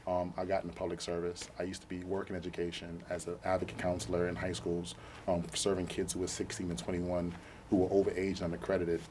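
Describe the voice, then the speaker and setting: A man's voice: low voice, monotone, fast talker, background noise. A young man giving an earnest interview as a political candidate, fluent but with many ums. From Brooklyn, New York. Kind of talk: TV interview answers. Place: TV studio.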